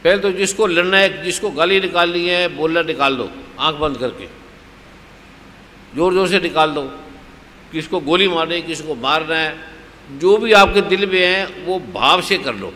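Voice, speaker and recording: High-voiced man guiding a reverberant hall. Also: normal speed, sharp tone, slight background noise. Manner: commanding, repetitive exhortations. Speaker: spiritual guru leading a gathering. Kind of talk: guided meditation and cathartic exercise. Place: large hall at a religious gathering.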